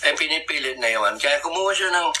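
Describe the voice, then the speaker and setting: A man's voice: fairly high pitch, expressive, quick pace, heavy background noise. A man from the Philippines casually recounting a survival story, chatty, laughing at his own tale and acting out the lines of the people in it.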